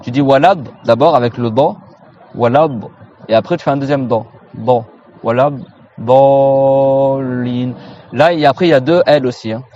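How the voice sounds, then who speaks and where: A man from France teaching Quran recitation in a casual lesson, repeating each sound slowly and often checking in with his students. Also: medium pitch, highs cut off, a little hiss or hum. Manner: casual, familiar, checks in with "d'accord?". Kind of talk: informal pronunciation lesson.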